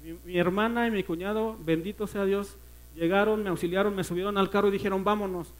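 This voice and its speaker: Man, Mexican accent, high-pitched, church testimony sermon, earnest, emotional, often hushed. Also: fairly even intonation, fast talker, rough recording. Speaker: preacher giving testimony. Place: church service.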